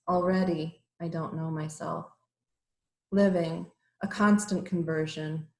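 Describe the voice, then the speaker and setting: A middle-aged woman reads her poetry aloud, unhurried and deliberate, her voice sitting a little low. She introduces each poem haltingly, with plenty of pauses and fillers. The sound comes through a computer mic on a video call, in a room with noticeable echo. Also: a little mellow. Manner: measured, hesitant introductions with many fillers. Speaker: poet. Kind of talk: poetry reading with short introductions. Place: home room on a virtual reading call. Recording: roomy echo.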